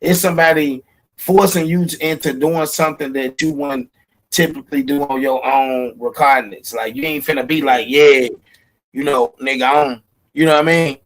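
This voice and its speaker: A man talking casually as a podcast host, lecturing in animated street slang over a patchy call. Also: fairly high pitch, a little fast, poor audio. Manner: animated, preachy street talk. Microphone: remote call with connection breaking up.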